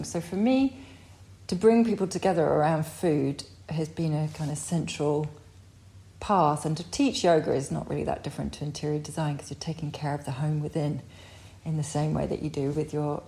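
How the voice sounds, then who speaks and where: A woman's voice: deep voice, dark tone. A woman co-hosting a podcast, talking in a thoughtful, easygoing way. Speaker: podcast co-host. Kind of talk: relaxed conversation. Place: home by a fireplace.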